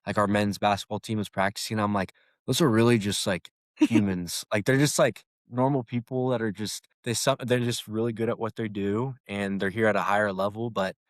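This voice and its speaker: Young male host, loose rambling delivery, low pitch, dry mic. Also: fairly even intonation, fairly quick, hardly any pauses, no echo. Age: young adult. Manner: rambling, restarts, many "like"s. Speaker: podcast host. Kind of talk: casual podcast interview.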